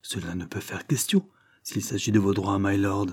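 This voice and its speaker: A man reading aloud voices a cautious, deferential country lawyer who speaks politely and in measured terms. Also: deep voice, darkish tone, breathy edge, dry recording, studio quality.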